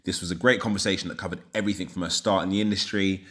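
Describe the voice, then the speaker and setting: A man with a low, deep voice delivers a scripted introduction as the host of an interview podcast. His pitch sits well below that of most men. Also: fairly even intonation, rapid-fire, a bit bright, husky.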